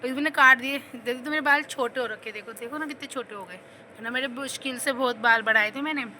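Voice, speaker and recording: Young woman vlogger, high and bright voice, rambling chatty storyteller, faint traffic behind. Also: a little fast. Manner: rambling, animated, laughs while telling stories. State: slight cough and sore throat.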